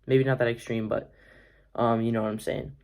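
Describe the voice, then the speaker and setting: A man's voice: medium pitch, little pitch movement, normal speed, a little mellow. A young man vlogging, talking through a book summary in a casual, rambling way; he is congested. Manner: rambling, filler-heavy, earnest. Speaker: vlogger, athlete.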